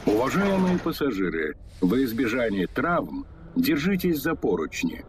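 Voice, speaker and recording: A man with a Russian accent giving formal, measured metro announcements over a train public-address loudspeaker. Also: big pitch swings. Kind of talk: recorded transit announcements. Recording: noisy train interior. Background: rumbling train noise.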